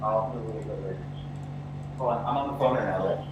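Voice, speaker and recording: A man's voice: on the low side, very slow, very echoey, far from the mic, heavy background noise. Muffled man speaking aside, away from mic. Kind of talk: casual livestream chat.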